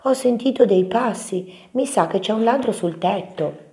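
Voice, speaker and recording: Woman doing a squeaky scared little mouse. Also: animated, moderate pace. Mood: alarmed. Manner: anxious, pleading, shouting for help. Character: small frightened little mouse who can't sleep.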